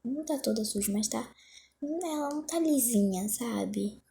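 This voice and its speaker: A young woman vlogging casually, flustered and hurried as she races a timer. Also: a little high, animated, gravelly, mellow. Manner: flustered, hurried, self-mocking. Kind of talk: casual self-talk during a timed phone challenge.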